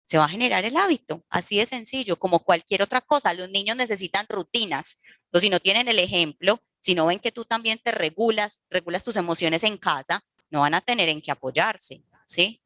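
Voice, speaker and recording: A woman's voice: medium pitch, normal speed, pushed and bright, no echo. A woman giving a talk to parents about emotions, explaining step by step and often checking in with her listeners. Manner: didactic, checks in with "¿sí?" and "¿listo?". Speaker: workshop speaker for parents.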